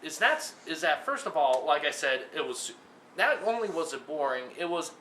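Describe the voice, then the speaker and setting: A man's voice: a little high, big pitch swings, moderate pace, sharp tone. A young man co-hosting a mock sports talk show, arguing and often restarting his sentences. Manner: argumentative, repeats himself when starting a point. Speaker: co-host. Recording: echoey room with faint hiss.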